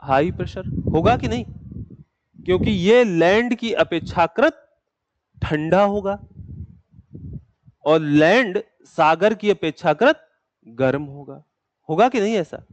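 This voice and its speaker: A man teaches geography in a high, unhurried voice. He keeps asking his students questions and then answers them himself. The sound is dry and close, with no room echo. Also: lively intonation. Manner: dictates notes slowly. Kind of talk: classroom lecture.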